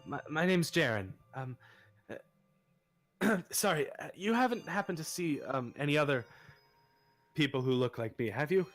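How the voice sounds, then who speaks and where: A man's voice: a little high, animated, moderate pace, long pauses, fairly bright tone, soft background music, voice pushed up. A man voicing a shy young male tiefling who talks hesitantly and apologizes. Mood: timid.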